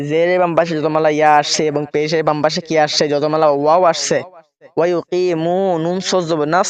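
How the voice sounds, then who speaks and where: A man's voice: a little high, lo-fi sound. Man spelling out Quran letters in a lesson. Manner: spells out letters and vowel marks, checks in with "right?". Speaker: Quran recitation teacher. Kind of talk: step-by-step Quran reading lesson.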